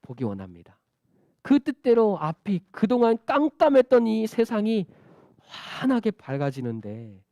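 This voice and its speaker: Animated man telling a children's sermon. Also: sits high, dry recording. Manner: animated, asking the children questions. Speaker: children's ministry preacher.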